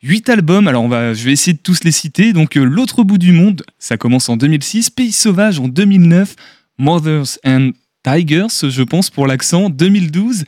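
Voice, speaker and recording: A man's voice: on the high side, animated, normal speed, a little mellow, no room sound. A man hosts a radio interview, friendly and informal, with a slightly raised voice. He reads the details from his notes, in a dry, close sound. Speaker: radio host.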